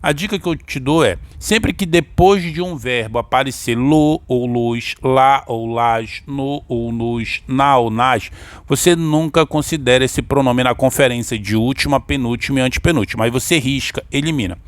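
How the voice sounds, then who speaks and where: A man's voice: medium pitch, moderate pace, no echo. A man with a Brazilian accent teaching an exam-prep grammar lesson, explaining step by step and often checking in with his listeners.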